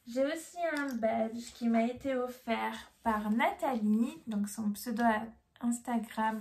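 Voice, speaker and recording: A woman's voice: a little high, vocal fry, darkish tone. A young woman, chatting enthusiastically about her knitting purchases in a casual vlog. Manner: chatty and enthusiastic, many fillers. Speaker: knitting vlogger. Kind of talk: casual haul video.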